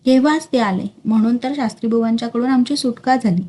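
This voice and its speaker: A woman's voice: on the high side, quick pace, dark tone, a little hiss or hum, natural voice. Woman reading as a whiny young boy prince. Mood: teasing.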